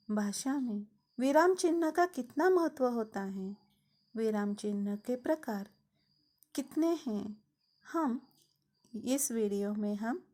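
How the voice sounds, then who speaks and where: A woman teaching a grammar lesson to schoolchildren, explaining slowly and reading example sentences with emphasis. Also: on the high side.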